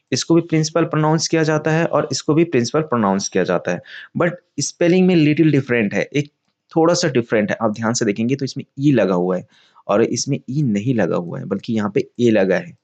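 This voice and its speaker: A man's voice: mid-range voice, expressive, fairly quick, a little mellow. Guy teaching english words in hindi, friendly "dosto" tone, asks then answers himself, medium voice. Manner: repeats key words, asks and answers his own questions; calls viewers "friends" and "brother".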